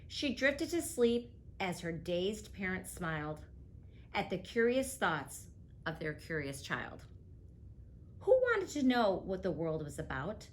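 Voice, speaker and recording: A guest reader, a woman with a fairly low voice, reads a rhyming picture book aloud slowly and expressively, her delivery rhythmic. The recording carries a slight hiss or hum.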